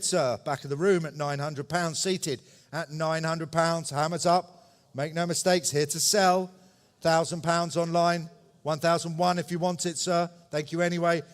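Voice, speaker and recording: Male auctioneer in an echoey hall. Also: on the high side. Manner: brisk, clipped repetition of numbers, polite asides to bidders. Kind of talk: live auction calling, running bid commentary. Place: large indoor auction room. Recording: echoey hall with long reverb.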